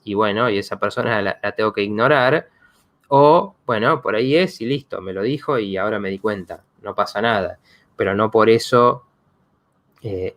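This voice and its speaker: A man's voice: on the low side, a bit bright. A man, hosting a psychology live stream and talking in a reflective way with many fillers and restarts. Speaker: psychologist host.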